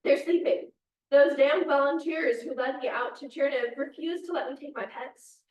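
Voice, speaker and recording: A woman's voice: sits high, moderate pace, darkish tone, highs cut off. A woman reading a play aloud, playing an anxious, suspicious cat owner who talks bluntly. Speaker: actor in a staged reading, playing a cat lover. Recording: echoey room, distant mic, faint noise.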